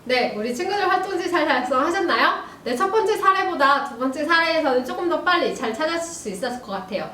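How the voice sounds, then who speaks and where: Woman teacher, high voice, gentle classroom delivery for kids, heard from a distance in a roomy room. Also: lively intonation, quick pace, hardly any pauses. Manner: gentle, addresses students warmly, frequent "ja" fillers. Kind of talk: recorded lesson for young students. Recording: roomy, distant mic, faint hiss.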